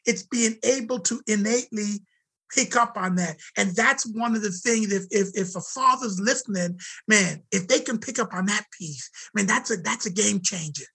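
A man guest telling a story in conversation, animated and emphatic. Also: high-pitched, moderate pace, creaky, husky, rough recording.

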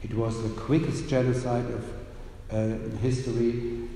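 A man speaks earnestly and gravely, leaning hard on his key points. His mellow, warm voice echoes around a large hall with long reverb. Faint noise sits in the background. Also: mid-range voice, little pitch movement, a little slow. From Germany. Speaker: speaker introducing the testimony. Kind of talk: explanatory talk to an audience.

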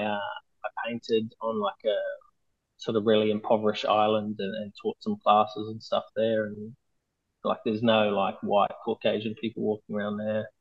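Man with a broad Kiwi accent, evenly pitched. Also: muffled recording. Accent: broad New Zealand. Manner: laid-back, hesitant, informal phrasing. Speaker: interview guest, mural artist. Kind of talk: casual interview chat.

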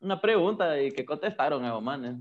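A man's voice: a little high, expressive, fairly quick. Joking man, muffled sound. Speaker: podcast co-host. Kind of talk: casual chat.

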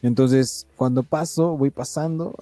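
Very dark-voiced Mexican man. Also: medium pitch, measured pace, no room sound, faint music behind. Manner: relaxed, slangy, says "amigo". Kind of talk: casual storytelling chat.

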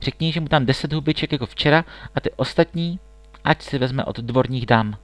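A man's voice: mid-range voice, dry recording, lightly acted. A man voicing a haughty, spoiled young princess in a storybook reading, imperious and raising his voice.

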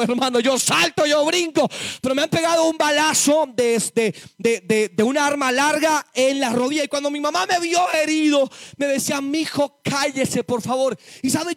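Very high-voiced preacher, impassioned. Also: male voice, no echo, clean studio sound. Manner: addresses listeners as brothers, rises to shouted exhortation. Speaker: preacher giving testimony. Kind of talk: impassioned testimony sermon. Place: church service before a congregation.

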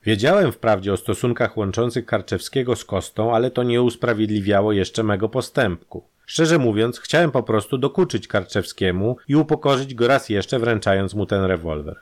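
A man voicing a nervous, evasive male film actor who stammers under questioning, his voice slightly hoarse. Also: on the low side, moderate pace, few pauses, voice pushed up, natural voice. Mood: flustered. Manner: stammering, flustered.

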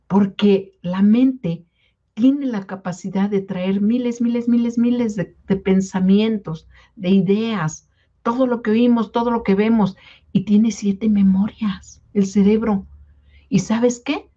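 A woman gives a casual wellness talk, speaking in a mellow, warm tone. She coaxes her listeners and keeps checking in with them. The recording sounds a little dull and muffled. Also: medium pitch, steady tone, takes it slowly. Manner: coaxing, repeats "¿sí?" to check in with listeners. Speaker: wellness product presenter. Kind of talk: informal health talk to distributors.

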